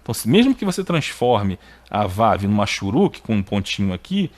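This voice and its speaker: A man giving a video lesson on biblical Hebrew. He is emphatic, keeps checking with short tags, and his pitch jumps up when he stresses a point. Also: sing-song, a little fast, darkish tone. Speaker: Hebrew teacher.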